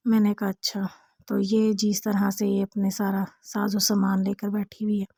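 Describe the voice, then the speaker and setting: Chatty young mother vlogging, mellow voice. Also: mid-range voice, monotone, moderate pace, creaky, breathy edge, dry recording, clean studio sound. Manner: chatty, addresses viewers directly. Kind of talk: casual vlog narration.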